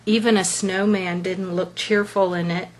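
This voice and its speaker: Reading a children's picture book aloud, a female storyteller uses deliberate, expressive phrasing. Her voice sits fairly low in pitch.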